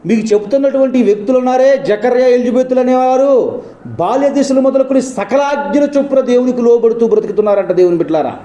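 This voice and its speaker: A man's voice: very high voice, mellow, roomy sound, dull audio. A man preaching a sermon as pastor, asking his listeners many rhetorical questions.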